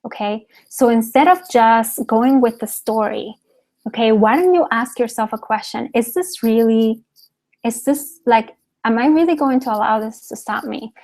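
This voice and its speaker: Speaking at a normal speed with a slightly high, darkish voice, a business coach from Cuba delivers a motivational webinar. She leans on emphatic repetition and keeps adding "okay?" to the end of her lines.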